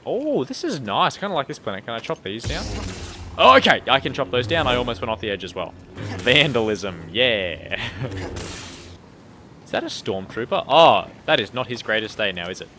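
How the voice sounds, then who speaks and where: A young man casually commenting on his own game playthrough, chatty and quick to laugh. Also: mid-range voice, very animated, sharp tone, slight background noise. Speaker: gaming channel host. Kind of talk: casual let's-play commentary. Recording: game music underneath.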